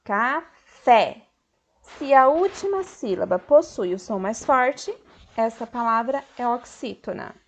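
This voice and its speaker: A woman teacher with a Brazilian Portuguese accent, giving a recorded school lesson slowly and clearly, stretching the stressed syllables of her example words. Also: fairly high pitch, expressive. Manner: slow, clear, patient explaining to children.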